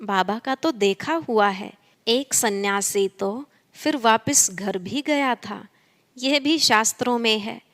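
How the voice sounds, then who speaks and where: A woman reading a spiritual discourse aloud in a steady, measured way. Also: mid-range voice, in a large hall.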